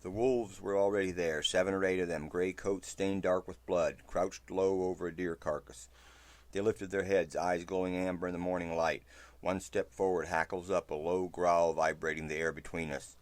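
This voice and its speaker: A man reading a first-person western story aloud, in a steady, low narration. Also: normal speed, no echo.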